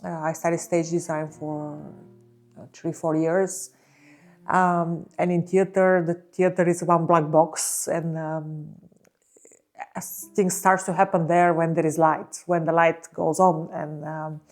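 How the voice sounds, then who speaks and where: A woman from Bulgaria with a somewhat low voice talks about her art in a thoughtful interview. She pauses often, filling gaps with soft "uh" and "um" as she searches for words. A faint cello plays behind her. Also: level tone, faint music behind. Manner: hesitant, many pauses and fillers. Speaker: visual artist. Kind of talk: reflective interview talk.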